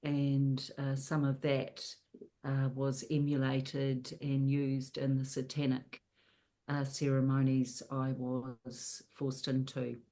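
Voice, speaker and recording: Nz lady on a video call, super low, dark mellow sound, talks slow with lots of pauses. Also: monotone. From New Zealand. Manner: measured, pausing often. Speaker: panel guest.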